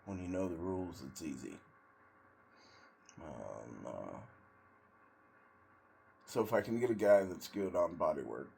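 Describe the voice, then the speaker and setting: Guy talking slow and gravelly while sat in ice cold water, casual rambling, lots of pauses, bit of noise. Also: deep voice, a little mellow. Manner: halting, long pauses between short phrases. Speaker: vlogger, tradesman in auto body and paint.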